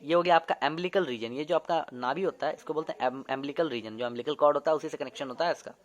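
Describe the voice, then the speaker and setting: A man's voice: on the high side, very fast. Young man tutoring anatomy casually. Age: young adult. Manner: demonstrating with gestures, repeats terms and checks "ठीक है". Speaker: medical student tutor.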